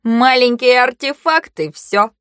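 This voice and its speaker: A woman voicing a mocking, panicky young nobleman who swings from sneers to shrill outbursts, in a storybook reading. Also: measured pace, fairly bright tone, clear, resonant tone, dry recording, clean studio sound. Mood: leering.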